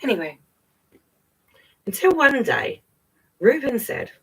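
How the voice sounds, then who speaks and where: A woman reads a picture book aloud to young children at story time, playful and chatty, with asides that pose questions and tag questions to her listeners. Her voice is on the high side and slow, with animated intonation and some creak, recorded from a slight distance.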